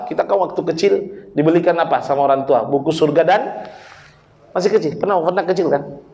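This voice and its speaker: Preacher, male, high voice, blunt comic delivery, speaks straight to the crowd. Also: brisk, dark tone. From Makassar, South Sulawesi. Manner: blunt, joking, addresses the men in the crowd directly. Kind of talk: humorous sermon.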